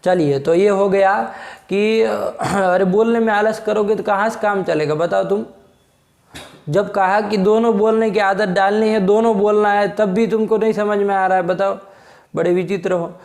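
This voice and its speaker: High-voiced teacher drilling students, echoey room. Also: male voice, fairly even intonation, normal speed, gravelly, a little mellow. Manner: quizzing and scolding students, repeating prompts. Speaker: Sanskrit logic teacher. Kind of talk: classroom teaching.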